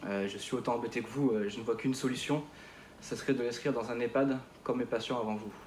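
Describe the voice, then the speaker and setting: A young man plays a family doctor who hesitates and hedges, filling his speech with pauses. The sound is roomy, with a faint background hum. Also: medium pitch, fairly even intonation, a little mellow, lightly acted. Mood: earnest. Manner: hesitant, many fillers. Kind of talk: amateur stage sketch. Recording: echoey room.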